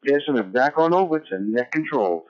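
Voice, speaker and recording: A man's voice: medium pitch, expressive, moderate pace. Man rambling over a muffled ham radio. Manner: rambling, with many fillers and restarts. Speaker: ham radio net operator. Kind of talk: casual on-air net announcements. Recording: dull, muffled radio audio.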